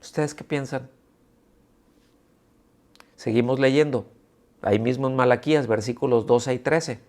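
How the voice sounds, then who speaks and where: A man's voice: medium pitch, unhurried, darkish tone. A man preaching a sermon to his congregation at a church service. He often puts rhetorical questions to his listeners and acts out the grumbling voices of complainers. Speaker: pastor. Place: church service streamed on video call.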